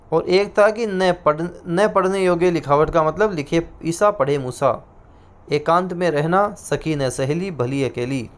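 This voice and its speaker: A male teacher whose voice sits high gives an exam-prep lecture in a Rajasthani Hindi accent. He repeats each answer slowly, as though dictating the terms.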